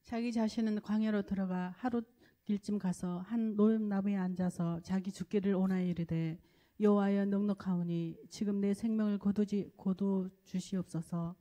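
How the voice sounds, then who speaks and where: A woman's voice: mid-range voice, steady tone, moderate pace, mellow. Woman reading scripture. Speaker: scripture reader.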